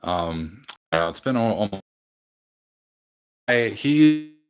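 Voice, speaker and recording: Male stream host, lower voice, loose rambling chat with restarts. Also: sing-song, slow. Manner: rambling, self-correcting. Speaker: livestream host. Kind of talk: casual chat with live viewers. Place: home game room.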